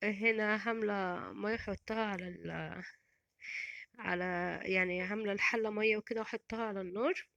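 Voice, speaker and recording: A woman's voice: medium pitch, fairly even intonation, moderate pace, vocal fry, pauses often, a bit bright, no echo, lo-fi sound. A middle-aged woman with an Egyptian Arabic accent, chatting in a rambling, casual voice-over about her home cooking. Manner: chatty and rambling, many restarts and fillers.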